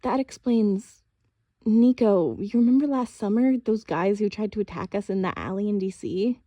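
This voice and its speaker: A woman reading an audiobook, voicing an anxious, defiant girl of about twelve who talks high and insistently. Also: normal speed, warm tone, no room sound, natural voice. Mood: uneasy.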